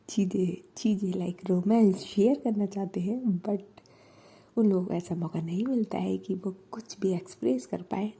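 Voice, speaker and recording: Female storyteller, whispered storytelling, soft and intimate, very dark breathy tone. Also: mid-range voice. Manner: soft and intimate, mixing English words. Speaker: storyteller, channel host.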